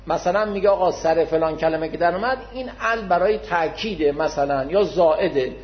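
A man giving an explanatory religious lecture, speaking patiently and formally to his listeners, repeating key words to make his point. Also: on the high side. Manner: modest, addresses listeners formally. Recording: dull lo-fi recording.

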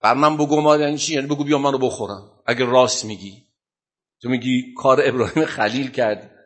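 A man preaching a sermon, retelling a religious story dramatically with sudden loud bursts. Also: medium pitch.

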